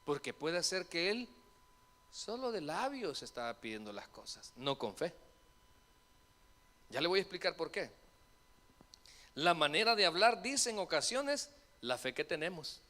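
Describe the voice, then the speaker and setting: Preacher: a high-voiced man, bright and animated, quizzing his congregation from the pulpit. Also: unhurried, long pauses. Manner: animated, asks the congregation questions. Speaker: pastor. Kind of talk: sermon. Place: church sanctuary. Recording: reverberant church hall.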